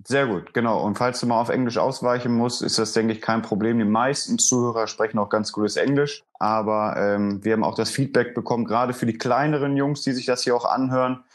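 A man's voice: medium pitch, fairly quick, hardly any pauses. A man hosting a sports podcast, chatting casually with lots of fillers as he interviews a guest. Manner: relaxed, chatty, frequent fillers.

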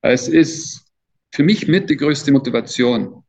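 With lively intonation and a gravelly, darkish mid-range voice, a trainer in his fifties speaks at an unhurried pace during an interview. He's casual, colloquial, and emphatic, though the recording is dull and lo-fi.

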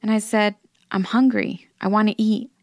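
A woman's voice: medium pitch, steady tone, normal speed. A woman telling a personal story in an intimate, earnest way, acting out the voices of her family. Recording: music bed underneath.

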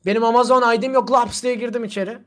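A man's voice: very high voice, fairly even intonation, fast, crowd noise. A young man co-hosting a casual podcast, joking around with goofy hypotheticals. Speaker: podcast co-host.

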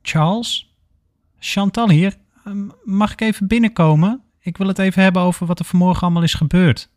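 A caring young woman who speaks gently and with concern, with only a slight lift of the voice, as a man puts her on. The sound is dry and close. She is the main character of a spoken horror story. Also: high voice, fairly even intonation, brisk, no room sound, voice pushed up, close to an everyday voice. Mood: gentle. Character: calm, caring young woman, a care worker.

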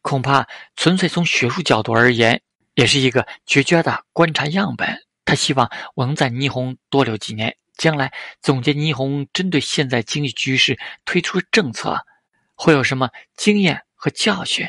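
A man's voice: medium pitch, moderate pace, bright, forceful tone, no echo, clean studio sound. A man voicing a young male doctoral student who speaks in a polite, deferential, cautious way.

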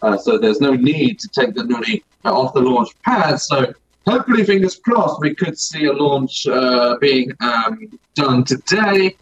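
A man speaking as a news correspondent over a low quality video call, sounding distant and echoey, explaining plainly with many fillers. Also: animated, measured pace, lo-fi sound, slight background noise. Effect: low quality video call audio, distant and echoey. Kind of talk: live news discussion. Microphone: video call without working earphones.

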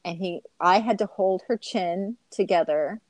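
A woman's voice: fairly low pitch, unhurried, darkish tone, dry recording. A woman in her forties, a mother telling a chaotic family story as an interview guest, laughing often and acting out her own quotes.

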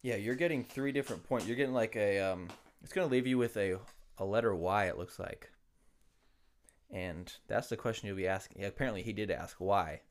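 A man hosting a casual chat, talking in a relaxed, hesitant way with fillers. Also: lowish voice, brisk.

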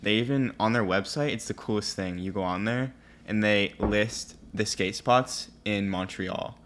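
A man's voice: on the low side, measured pace, fairly bright tone, a little hiss or hum. Easygoing young male podcast host. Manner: easygoing, chatty. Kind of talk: casual chat.

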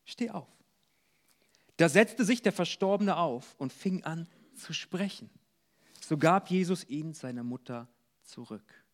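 A man preaching an earnest sermon at a church service, dropping soft and low for words of comfort. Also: lively intonation, unhurried. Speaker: pastor.

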